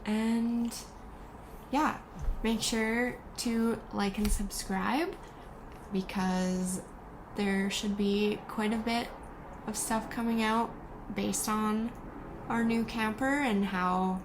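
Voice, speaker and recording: A woman hosting her vlog, telling a story in a relaxed, casual chat. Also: on the high side, slow, long pauses, noisy background. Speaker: vlogger host.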